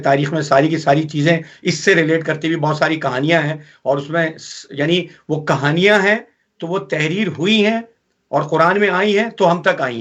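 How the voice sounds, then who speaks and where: A male host with a fairly high voice who keeps affirming his guests and builds long, hesitant questions full of fillers. The recording sounds a bit dull and muffled. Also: a bit bright. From Pakistan. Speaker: interviewer host. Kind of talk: interview questions.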